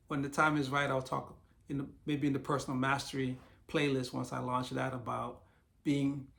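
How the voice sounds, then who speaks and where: Male vlogger, gravelly and a little hoarse, relaxed and reflective as he lists ideas. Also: medium pitch. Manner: reflective, walks through a list of ideas. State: slightly hoarse, losing his voice. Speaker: YouTube creator sharing business ideas. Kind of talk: casual solo vlog monologue.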